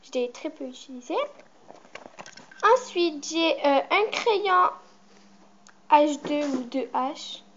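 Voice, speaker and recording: A chatty teenage girl talking through a casual vlog in a high voice. She rambles and fills her pauses with hesitations. The recording is muffled and lo-fi, with faint hiss and clicks behind her. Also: expressive, fairly bright tone. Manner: chatty, rambling, with many fillers. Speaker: vlogger. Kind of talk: casual show-and-tell vlog.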